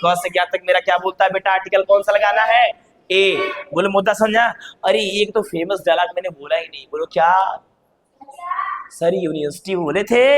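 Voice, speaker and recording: A man with a notably high voice leads a grammar lesson. He drives it with rhetorical questions, spells words out letter by letter and calls his students child. He pushes key points with bursts of extra volume. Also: fairly bright tone. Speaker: English grammar teacher. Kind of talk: classroom lesson.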